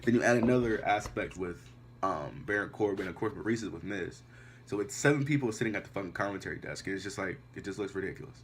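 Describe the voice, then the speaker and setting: Deep-voiced, profane male wrestling reviewer. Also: fast talker, a little hiss or hum. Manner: profane, blunt, dismissive. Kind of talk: casual recap commentary.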